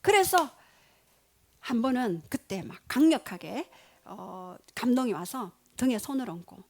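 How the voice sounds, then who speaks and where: A woman pastor preaching a sermon, telling stories with animated energy and acting out the people in them. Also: fairly high pitch, unhurried. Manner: animated storytelling, acting out quotes.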